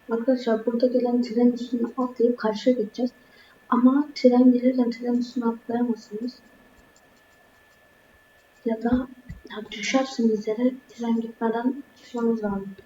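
A woman's voice: a little high, echoey room, muffled recording, a little hiss or hum. A woman giving let's-play commentary to her viewers, keeping her voice down, now and then crying out when startled. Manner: talks to viewers, easily startled, exclaims when scared; keeps voice down, speaks softly. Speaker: gaming YouTuber. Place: indoor room at home.

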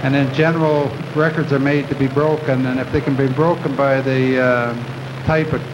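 An older man answering questions at a press conference, halting and reflective, with many pauses. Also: mid-range voice, fairly even intonation. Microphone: table microphones at the podium. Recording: dull, noisy old video recording.

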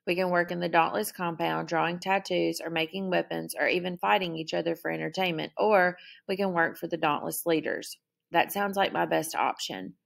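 A woman reading a novel aloud as first-person narrator, in a steady, measured delivery. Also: lowish voice, creaky. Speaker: audiobook narrator.

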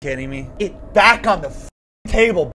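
A young man live streaming a horror game, giving excitable, scared, jumpy commentary and griping as he plays. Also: on the high side, moderate pace, a little hiss or hum. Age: young adult.

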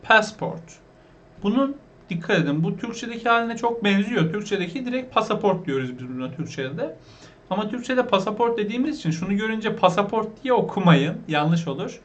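A man with a fairly high voice and lively intonation teaches English online, explaining slowly and patiently, repeating each word and quizzing viewers along the way. The recording sounds dull and lo-fi.

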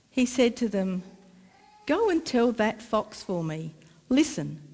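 A middle-aged woman with an Australian accent, reading scripture aloud in a measured, careful way at a church lectern. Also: fairly high pitch, a little mellow. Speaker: scripture reader. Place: church sanctuary, indoors. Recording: long church reverb.

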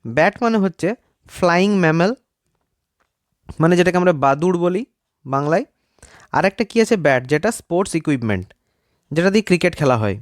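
A man's voice: a little high, animated, fairly quick, pauses often, no room sound. A man gives a casual grammar lesson in a slightly raised voice that comes through dry and close. He explains each word patiently and checks in with an easy "okay" before moving on. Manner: addresses viewers as friends, repeats "okay" between points. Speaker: English teacher.

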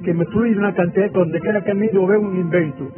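Very old guy, 90s, high pitched, eager n repeats himself, live interview, tinny audio. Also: fairly even intonation, quick pace. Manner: very old man's way of talking, eager and repetitive. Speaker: interviewed amateur inventor. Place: room at home, indoors. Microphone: reporter's handheld microphone. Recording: tinny phone-like live feed, music behind.

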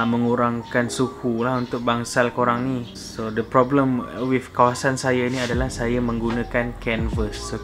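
A young man with a Malaysian accent giving casual how-to tips as a rabbit farmer, chatting in a covered outdoor shed and slipping English phrases into his talk. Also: medium pitch.

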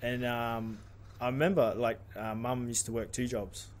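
A rugby league player in his late twenties with an Australian accent is a guest on a podcast interview, speaking at normal speed in a mid-range voice with fairly even intonation. He is reflective and hesitant, using many fillers. The setting is a small studio with a curtain backdrop, and he speaks into a studio mic on a boom arm.

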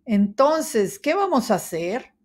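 Storybook mouse, woman doing it: tiny, high, anxious, slow. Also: sing-song, heavily acted. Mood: fretful. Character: small fretful male mouse. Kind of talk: children's storybook reading.

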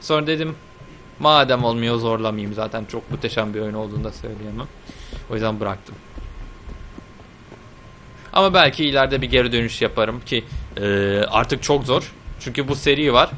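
Bright-voiced young man gaming commentary. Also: medium pitch, moderate pace, pauses often, slight background noise. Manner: chatty, talks to the game, swears mildly, animated outbursts. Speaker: gameplay video host. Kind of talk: casual let's-play commentary.

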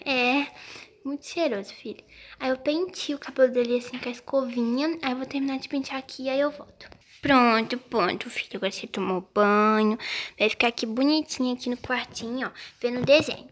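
A high-pitched female voice narrates a casual role-play vlog as a mother. She speaks softly and gently, coaxing the children and chatting with viewers. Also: fairly quick. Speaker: vlogger playing mother.

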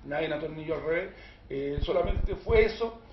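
High-voiced Chilean man hosting a talk show. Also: moderate pace, reverberant, muffled recording, slight background noise. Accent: Chilean Spanish. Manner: animated, emphatic storyteller with jokes. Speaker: host. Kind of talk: casual studio chat.

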